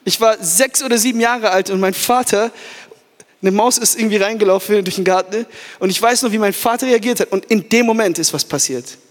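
A man's voice: high voice, fairly quick. Man, youth pastor, fervent sermon, asks the crowd for amens, English words mixed in, church hall echo.

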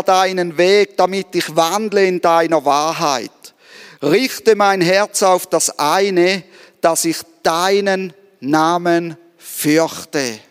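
Male preacher, high clear voice, slow, earnest sermon delivery with direct questions to the congregation. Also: long reverb tail. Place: church service.

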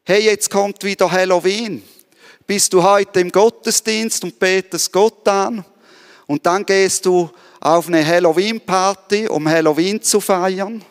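Earnest high-voiced male preacher, reverberant hall. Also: steady tone, measured pace, clear, resonant tone. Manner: earnest, asks the listener direct questions. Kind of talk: sermon. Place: church service.

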